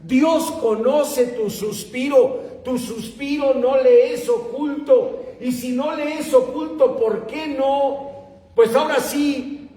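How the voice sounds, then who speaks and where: A man's voice: very high voice, takes it slowly. A man preaching a sermon to young people, telling stories and acting out the dialogue. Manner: animated storytelling, acts out dialogue, addresses youth directly. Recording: echoey hall.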